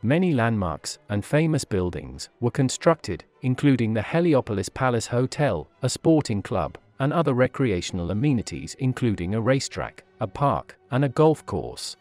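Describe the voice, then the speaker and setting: A man reading scripted documentary narration for a walking tour, in a measured, list-by-list delivery. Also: medium pitch, sing-song, darkish tone, no room sound, faint music behind.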